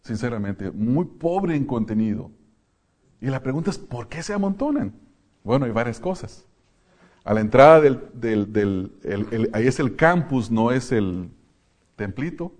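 Man, preacher, sermon, earnest, quiet to loud swings, church. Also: mid-range voice, sing-song, unhurried.

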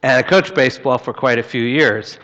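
A man's voice: mid-range voice, a little fast, fairly bright tone, dull audio. A middle-aged man with an American accent preaching as a pastor in a conversational, plain-spoken way. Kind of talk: sermon with prayer and personal anecdotes.

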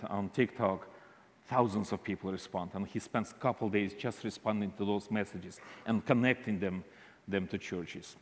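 A man with an Eastern European accent giving a halting, deliberate church testimony as a visiting minister. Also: on the low side. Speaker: visiting minister speaking to a congregation. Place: large indoor church hall. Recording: reverberant hall.

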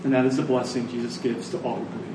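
Racing along in a mid-range voice with a level tone, a man gives an earnest, emphatic sermon, repeating phrases for weight, and closes in prayer. Recorded at a church service in a large echoing room, the audio sounds distant and echoey, with faint noise.

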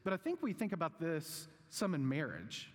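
A man, perhaps thirties or forties, preaching as a pastor in a conversational teaching style, with measured, deliberate phrasing and questions to his listeners. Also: a little high, sing-song. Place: large reverberant room, preaching live. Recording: long reverb of a hall.

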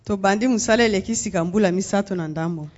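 A woman from Congo, a guest speaking in measured phrases and pausing for an interpreter in a church. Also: medium pitch, a little mellow, lo-fi sound. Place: church sanctuary.

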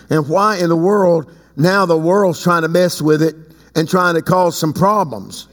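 A fervent male preacher with a notably high voice, booming out lines and then dropping to hushed asides. His words ring through a large church with a long, echoing reverb tail. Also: unhurried. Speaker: pastor. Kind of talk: sermon.

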